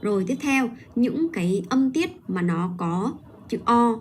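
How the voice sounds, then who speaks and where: A woman teaching pronunciation on a livestream, patiently modeling and repeating each word slowly. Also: a little high, animated, a little hiss or hum. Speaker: English teacher.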